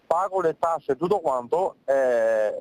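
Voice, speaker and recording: A man speaking as a local resident in a street interview, exasperated and halting. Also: on the high side, expressive, darkish tone, rough recording.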